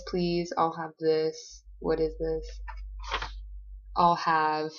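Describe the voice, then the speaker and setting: A woman's voice: sits low, muffled recording. An American woman in her twenties, chatty and playful, narrating a casual travel diary. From United States. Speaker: vlogger.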